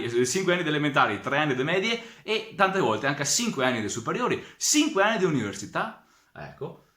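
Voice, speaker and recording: A man with a Venetian accent who gives an informal diction lesson in an animated, exclaiming way and slips in dialect words. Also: mid-range voice. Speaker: diction teacher. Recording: roomy echo.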